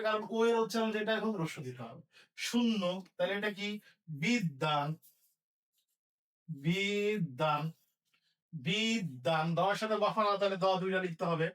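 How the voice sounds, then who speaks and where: Recorded from a distance, a man with a high, fairly bright voice teaches an online lesson. He spells words out slowly, syllable by syllable, and asks his students questions along the way.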